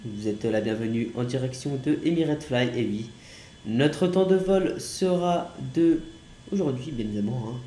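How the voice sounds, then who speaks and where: Airline captain in the cockpit, put on by a male gamer: mock-formal, halting announcements, roomy sound, faint ambience behind. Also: medium pitch, warm tone, a little hiss or hum, natural voice. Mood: announcing. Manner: mock-formal announcer delivery with hesitant fillers. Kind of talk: playful role-play during a flight-simulator gameplay video.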